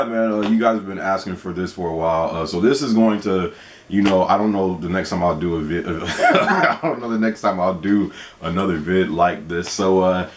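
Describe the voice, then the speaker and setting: A young man in his twenties chats through a casual question-and-answer vlog for his channel. His voice sits low but swings freely, and he laughs often in a playful, animated way. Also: a little hiss or hum. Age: 20s. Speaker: gaming channel host.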